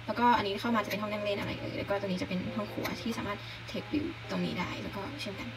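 A woman's voice: medium pitch, steady tone, very fast, noisy background. A young woman casually talking through her interior design work, explaining each step with lots of fillers. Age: young adult. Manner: chatty, explains as she goes, many fillers. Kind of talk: casual vlog narration. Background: background music.

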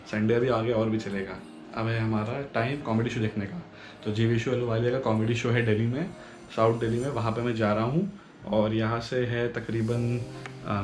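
Man, 30s, casual arm's-length vlog host, flat low delivery, music bed underneath. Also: roomy sound. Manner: relaxed chatty, mixing in English words. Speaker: vlogger. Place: home rooms, lift and basement parking. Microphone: phone or camera at arm's length.

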